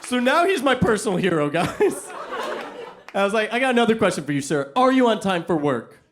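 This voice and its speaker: A young man from the United States performs stand-up, and his pitch sits high and climbs and drops all over the place. He tells his stories with plenty of animation and slips into quick impressions of the people in them. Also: some chatter behind. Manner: animated storytelling, acting out other people. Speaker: stand-up comedian. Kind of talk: stand-up comedy set. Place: comedy venue before a live audience.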